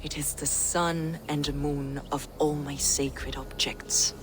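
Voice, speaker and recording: A woman playing a devout, shrewd heretic relic collector in a video game, speaking in a measured, cryptic way. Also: deep voice, flat delivery, background noise. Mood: reverent. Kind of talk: dramatic video game acting.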